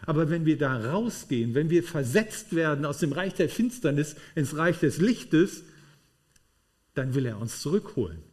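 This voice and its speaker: Man, preacher, sermon to a congregation, emphatic, fairly high pitch. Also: big pitch swings, normal speed, darkish tone. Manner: emphatic, addresses congregation with tag questions. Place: room with a congregation.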